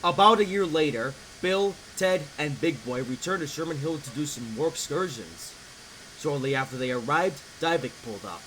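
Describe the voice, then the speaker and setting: A man's voice: a little high, animated, normal speed, fairly bright tone, poor audio. A man reading scripted storybook narration for a cartoon, recorded with faint background noise. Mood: narrating.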